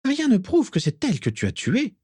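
A man's voice: high voice, wildly swooping pitch, a little fast, dark tone, slightly rough, no room sound, clean studio sound, voice pushed up, heavily acted. A man reading a storybook aloud, voicing a mocking, cruel adult witch in a sneering tone.

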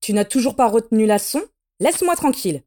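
A woman voicing a fierce, excitable young dark witch in a fantasy audiobook, who shouts eagerly and hisses when angry. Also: medium pitch, a little slow, natural voice.

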